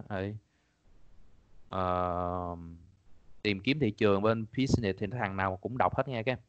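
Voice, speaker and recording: A man's voice: fairly low pitch, no echo, lo-fi sound. A man teaching an online exam-prep class in a casual, chatty way, repeating his points and laughing often. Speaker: English teacher.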